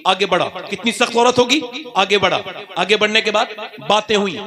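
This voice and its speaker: Fervent high-voiced male preacher, loud crowd. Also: normal speed. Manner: emotional, rising to fervent high cries, addresses listeners directly. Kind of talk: storytelling sermon to a gathering. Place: public religious gathering before a large audience.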